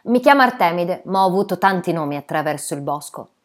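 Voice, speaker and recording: A woman's voice: fairly low pitch, lively intonation, quick pace. A woman reading a first-person literary story aloud, with a dry, matter-of-fact way of telling it. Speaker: narrator.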